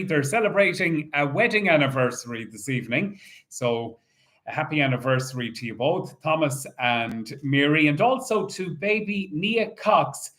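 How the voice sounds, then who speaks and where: A man with an Irish accent hosting as a bingo caller, announcing in a measured, formulaic way. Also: fairly high pitch, fairly bright tone. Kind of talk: bingo calling, numbers digit by digit.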